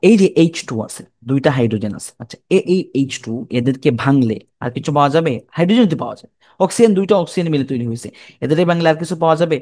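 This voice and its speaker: A mid-range, slightly mellow voice belongs to a young man teaching chemistry in a Bangladeshi Bengali accent, recorded without echo. Casual and repetitive, he repeats terms, uses colloquial speech, and answers his own questions to the class.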